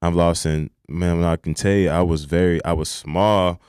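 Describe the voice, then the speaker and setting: A young man speaks in a low voice, telling a personal story in a loose, colloquial way. He keeps checking in with "you know what I'm saying" and swears freely. The recording is close and dry, with no room sound. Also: fairly even intonation, normal speed, darkish tone, smooth, dry recording. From Texas. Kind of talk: personal storytelling in casual conversation.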